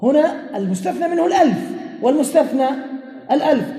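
A man's voice: extremely high pitch, expressive, quick pace, dark tone. A man teaching a classroom lesson in Islamic jurisprudence, explaining through examples, quizzing his students and chuckling often. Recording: echoey hall with long reverb.

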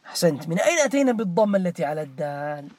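A man's voice: fairly high pitch, big pitch swings, very fast, noisy background. A man teaching morphology, questioning students by name and repeating key words as a drill. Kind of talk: interactive grammar lesson.

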